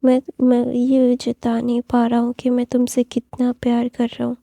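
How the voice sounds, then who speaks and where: A woman's voice: a little high, monotone, measured pace, gravelly, dark tone, dry recording. A woman voicing a pleading young emperor. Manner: pleading, repeating himself. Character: lovesick young male emperor, tearful and pleading.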